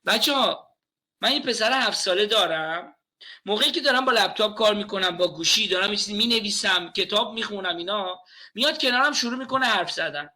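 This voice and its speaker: A man in his thirties teaching a live webinar on communication skills, playful and animated as he speaks directly to his class. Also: high-pitched.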